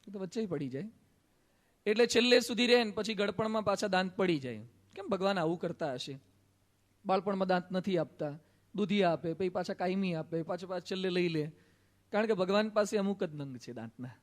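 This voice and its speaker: A Gujarati monk delivers a sermon to a gathering in a hall. His voice sits high for a man, and he tells anecdotes, voicing both sides of the exchange with light humor. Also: fairly quick. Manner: storytelling with quoted dialogue and humor. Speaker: monk preacher. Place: assembly hall.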